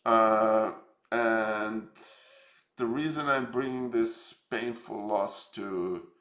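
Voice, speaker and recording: Slow, gravelly Serbian-accented man. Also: on the low side, a bit bright, echoey room. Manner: halting, many fillers, reflective. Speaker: chess streamer. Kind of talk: live-stream game review.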